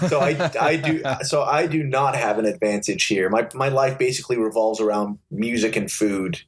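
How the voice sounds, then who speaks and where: A man in his thirties, originally from England, chats as a podcast guest. He is casual and hesitant, often restarting as he works out his trivia guesses, at an ordinary middle pitch. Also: normal speed, slight background noise. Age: 30s. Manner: chatty, hesitant. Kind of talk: casual chat.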